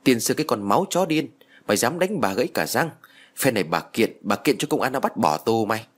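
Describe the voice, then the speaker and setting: A man's voice: big pitch swings, fairly quick. A man voicing a spiteful, foul-mouthed old village woman who curses and wails. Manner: shrill, cursing, wailing.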